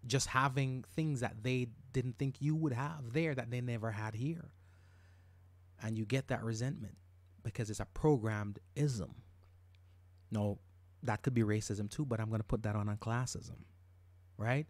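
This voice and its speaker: A man's voice: mid-range voice, measured pace, long pauses, no room sound. Emphatic man from Jamaica, podcast host. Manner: emphatic, repeats words when worked up. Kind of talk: casual monologue.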